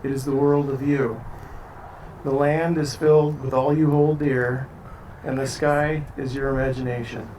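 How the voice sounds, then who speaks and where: A man leading a wedding ceremony as officiant, speaking in a steady, formal way with light joking asides. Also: medium pitch, measured pace. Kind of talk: ceremony address. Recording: distant mic, faint background noise.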